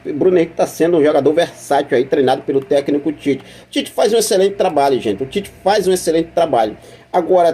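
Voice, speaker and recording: A man's voice: high voice, mellow, slightly rough. A man with a Brazilian accent hosting a football news channel, talking through club news in a chatty way, repeating points and asking viewers questions. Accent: Brazilian Portuguese. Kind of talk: casual news commentary to camera.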